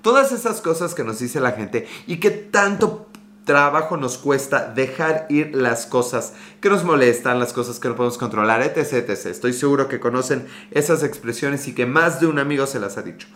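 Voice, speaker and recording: A man's voice: mid-range voice, lively intonation, normal speed, fairly bright tone. A man with a Mexican accent hosting a casual livestream, chatty and joking, with a slightly sore throat. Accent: Mexican Spanish. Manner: chatty, greets viewers by name, jokes and digresses. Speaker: livestream host. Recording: echoey room.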